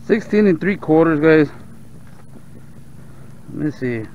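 A man with a South Texas accent giving relaxed running commentary while fishing from a kayak on open bay water, talking to the fish and his viewers. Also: a little high, slow. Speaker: fishing vlogger. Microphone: action camera on the kayak. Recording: dull outdoor camera audio with faint water noise.

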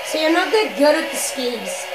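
A gameplay video maker with a high, very animated voice chats casually about her own play at a normal speed, often restarting and fixing sentences midway. Loud game music makes the recording very noisy.

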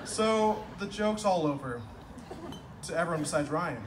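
A young man with a slightly high voice delivers a best-man toast at an outdoor garden reception at night. He tells his stories in a wry, self-deprecating way and builds steadily toward punchlines. The voice is captured from a distance on a phone camera, with clear ambient noise all around. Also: animated, moderate pace. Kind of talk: humorous wedding speech. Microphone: far camera across the lawn.

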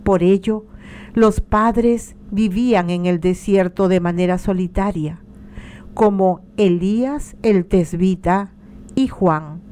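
A woman reading a devotional text aloud in a calm, measured, solemn way. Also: medium pitch, smooth. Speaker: liturgical reader.

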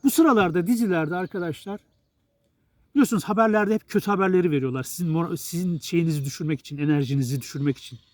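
A man's voice: fairly high pitch, quick pace, no echo. A middle-aged male journalist and writer from Turkey, talking straight to his viewers in a blunt, exasperated, rambling monologue full of restarts.

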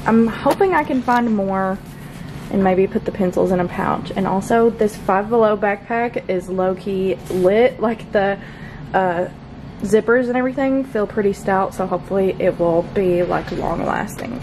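A woman's voice: medium pitch, warm tone, slight background noise. A young woman talking casually to the camera in her home kitchen, chatty and upbeat, laughing often. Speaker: vlogger.

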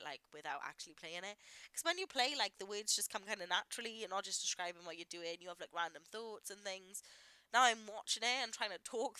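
A woman gaming YouTuber, herself a parent, talks over previously recorded gameplay in a rambling, chatty way, dropping "like" and side comments throughout. Her medium-pitched voice has a sharp tone, captured in a low-quality recording with no room sound.

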